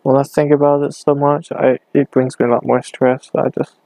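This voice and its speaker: Low, gravelly young man rambling quietly. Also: flat delivery, moderate pace, no room sound. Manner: rambling, hesitant, speaking low. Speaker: podcast host. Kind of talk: casual solo podcast. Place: bedroom at home. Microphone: hand cupped over the mic.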